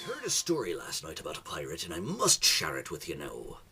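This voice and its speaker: A man hosting a comedic video monologue and telling a joke in a theatrical way, moving between loud and hushed delivery. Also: very deep voice, wildly swooping pitch, a little fast, creaky, over loud music. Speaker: vlog host.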